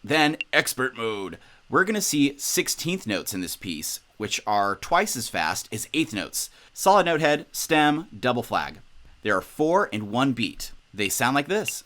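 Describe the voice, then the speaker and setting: A young man teaching a music lesson in an upbeat, instructional way. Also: unhurried. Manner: upbeat, instructional, lively pitch. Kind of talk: music tutorial.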